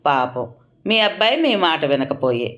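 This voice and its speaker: A woman's voice: deep voice, big pitch swings, normal speed, fairly bright tone, dull audio, pitched below the performer's own voice. A woman reading as a blunt, sarcastic young wife. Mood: defiant, sarcastic. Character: sharp-tongued young daughter-in-law, defiant.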